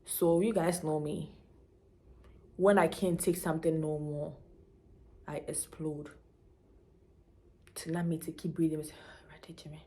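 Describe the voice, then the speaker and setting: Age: young adult. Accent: Ghanaian. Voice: a woman with a fairly low pitch. Style: animated storytelling vlog, emphatic and blunt. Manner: emphatic, animated storytelling with local slang mixed in. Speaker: vlogger. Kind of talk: casual storytelling to camera.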